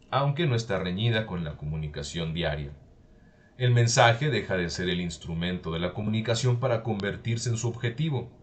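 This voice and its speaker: Low-voiced man teaching a class. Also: a little hiss or hum. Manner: explanatory, checks in with "¿sí?" often. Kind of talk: recorded class lecture.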